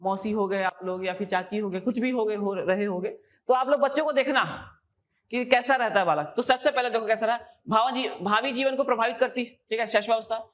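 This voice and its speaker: Higher-pitched woman teaching exam prep. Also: brisk. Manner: repeats key terms, quizzes students with questions. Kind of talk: exam coaching lecture. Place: classroom.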